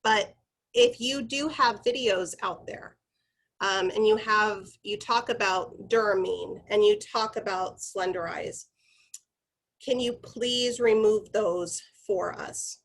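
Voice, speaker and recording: A woman's voice: medium pitch, slow pace. A woman giving an informal corporate training presentation, explaining guidelines in a conversational, instructive way and addressing her group directly.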